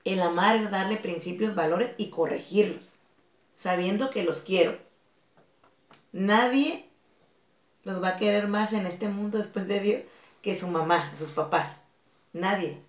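A Mexican woman with a Mexican Spanish accent, speaking as a guest in a podcast interview, earnest and firm, softening her voice when she acts out calm replies. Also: mid-range voice, unhurried, long pauses. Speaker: guest, dance academy founder. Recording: echoey, dull lo-fi room.

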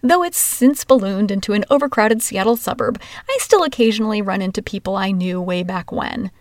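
A woman's voice: mid-range voice, fairly quick, no room sound. Casting: woman narrator, first-person memoir read, wry and candid, dry close sound. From Washington, USA.

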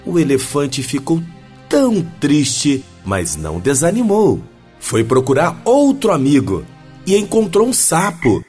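A man reading a children's story aloud in a gentle, lively storytelling manner. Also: a little high, a little slow, faint music behind.

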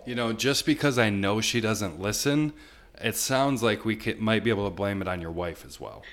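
A man's voice: lowish voice, expressive, normal speed, a bit bright. A man hosting a casual sports podcast. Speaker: podcast host.

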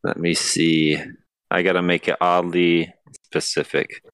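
A man's voice: low-pitched, level tone, unhurried, fairly bright tone, clear, resonant tone, no room sound. A man on a casual podcast who runs a word game, playful and laughing, with hesitant fillers. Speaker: guest running a word game.

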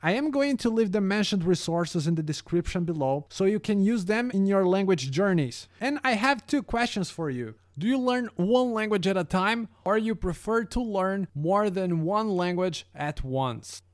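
In a high voice and at a moderate pace with few pauses, a Brazilian Portuguese-speaking man narrates a prepared piece on language learning. He reads carefully and steadily.

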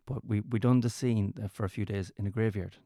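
Low-voiced man, west of Ireland accent. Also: fairly even intonation, mellow, no room sound, clean studio sound. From County Mayo, west of Ireland. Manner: halting, repeats words and restarts phrases often. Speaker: interview guest, comedian and entertainer. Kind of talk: casual conversational storytelling.

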